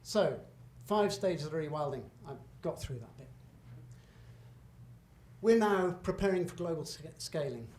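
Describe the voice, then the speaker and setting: Giving a slide-based public lecture in an echoey hall with faint room noise, this middle-aged British man speaks a little slowly. His voice is slightly high and a touch mellow, with lively intonation. As a guest lecturer, he stays chatty and emphatic, dropping in asides and correcting himself.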